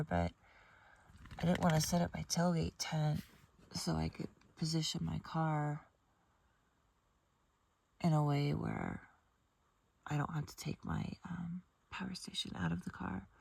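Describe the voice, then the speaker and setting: A woman vlogger with a groggy morning voice, chatting softly and sometimes in a hush from inside her small car camper. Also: sits low, a little slow, gravelly, pauses often, slightly rough. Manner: soft-spoken, chatty, often hushed. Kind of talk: casual vlog chat.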